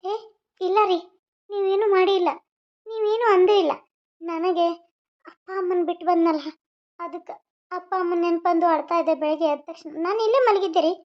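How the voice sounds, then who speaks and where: A woman's voice: very high-pitched, fairly even intonation, fairly quick, long pauses. Lady doing a worried little newlywed queen, dull lo-fi audio, frets to herself. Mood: reassuring. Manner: frets in whispered-style asides, coaxing to her husband. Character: young newlywed queen, anxious but caring.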